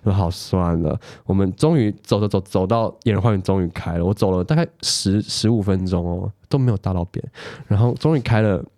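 A man's voice: low voice, a little fast, few pauses. A man of about twenty with a Taiwanese Mandarin accent, telling a funny story in a casual chat and laughing along. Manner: animated, laughs through his own stories.

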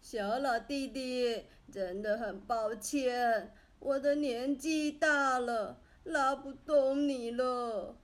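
A woman voicing a frail, apologetic old man who speaks slowly and hesitantly in a storybook reading. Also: high voice, fairly even intonation.

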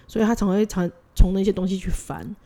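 Animated fast-talking mother. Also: mid-range voice. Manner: animated storytelling, acts out children's voices. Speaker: mother of two. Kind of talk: casual chat.

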